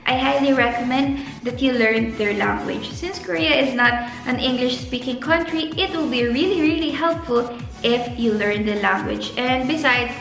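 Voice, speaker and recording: A young Filipino graduate student with a Filipino accent gives casual, earnest advice in a vlog, stretching words for emphasis. Her high-pitched voice is a bit bright with vocal fry at a moderate pace, in an echoey room with faint music.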